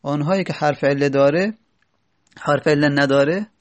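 A man's voice: on the high side, dry recording. A man teaching an Arabic grammar lesson, patiently repeating each rule and example step by step. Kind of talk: explanatory lesson.

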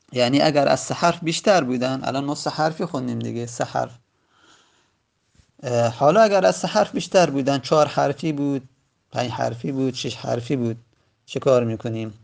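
A man teaching Arabic grammar in a classroom lecture, patient and repeating key points slowly. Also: medium pitch, vocal fry.

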